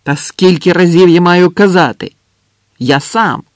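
A man reading a young partisan messenger who shouts and pleads with soldiers in a trench, in an audiobook. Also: on the high side, sing-song, a little slow, no echo, clean studio sound. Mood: pleading shouts.

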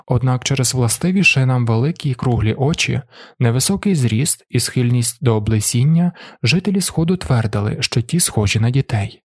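A man reads a novel aloud in a steady, even tone. His voice has a husky, slightly rough grain, and the recording is dry and close with no room sound. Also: medium pitch, normal speed, dry recording. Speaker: audiobook narrator. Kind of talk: scripted narration.

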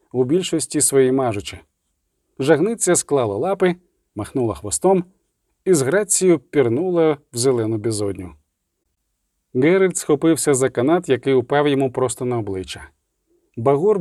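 A man's voice: mid-range voice, animated, normal speed, warm tone, dry recording. Man reading a dry, close audiobook. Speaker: narrator. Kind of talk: audiobook narration.

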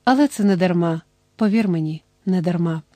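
A woman's voice: lowish voice, brisk, dark tone, no echo, close to an everyday voice. A woman reading the lines of a male political candidate, speaking in an oratorical way to a crowd. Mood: warm.

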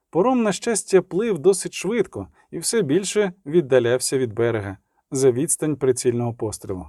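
A man narrates a novel in a steady, even read with a dry edge of humour. His voice is mellow and dark, set fairly high for a man, and the recording is close and dry. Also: no room sound. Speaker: audiobook narrator. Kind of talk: scripted narration.

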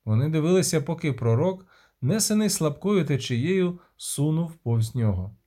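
A male narrator reading a fantasy audiobook. His voice sits a little high and sounds mellow and warm, and his storytelling is vivid and steady. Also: normal speed.

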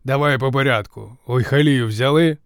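Man as a calm shrewd hero, audiobook, smooth dry voice, firm and measured. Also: medium pitch, dry recording, lightly acted. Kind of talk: audiobook character voice.

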